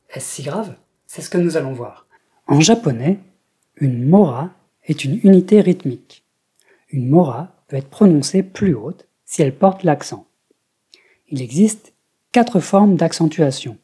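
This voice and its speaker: A speaker from France narrating a scripted language lesson in a measured, explanatory way. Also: medium pitch, dark tone. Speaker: language teacher.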